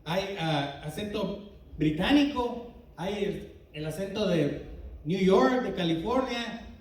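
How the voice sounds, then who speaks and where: A man with a Rio Grande Valley Tex-Mex accent preaching a sermon, firing questions at the congregation. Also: high-pitched. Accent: Tex-Mex Spanish of the Rio Grande Valley. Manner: asks the congregation many questions, quick and lively. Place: church sanctuary. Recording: echoey church hall from a distant mic.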